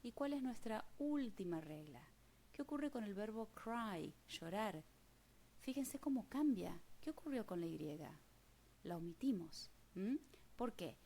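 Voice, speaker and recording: Woman teacher, Rioplatense Spanish accent, mid pitch; patient step-by-step lesson delivery. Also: lively intonation, measured pace, dark tone. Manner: patient, checks understanding with frequent "mm?". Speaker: English teacher. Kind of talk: grammar lesson explained step by step.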